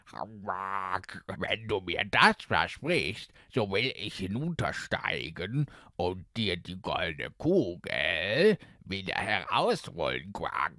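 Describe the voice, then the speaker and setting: A man voicing a pleading male frog in a storybook reading, drawing out words and croaking between them. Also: low-pitched, sharp tone, no room sound, studio quality, heavily acted. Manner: slow, drawn-out croaking "quak" between words. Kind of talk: storybook narration.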